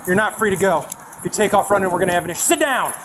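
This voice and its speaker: A man's voice: sits high, lively intonation, very fast. A man working as a police officer outdoors, giving firm, clipped commands on a body camera. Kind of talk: commanding orders on body cam. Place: outdoors by a parked truck. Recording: noisy outdoor body cam audio.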